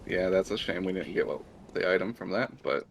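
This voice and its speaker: A man with a low, gravelly voice chats casually while playing a game, wandering through his explanations with plenty of ums and uhs. His mic picks up a faint noisy hiss underneath. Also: fairly quick. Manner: rambling, filler-heavy explanations. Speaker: gameplay co-host. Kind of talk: casual let's-play chat.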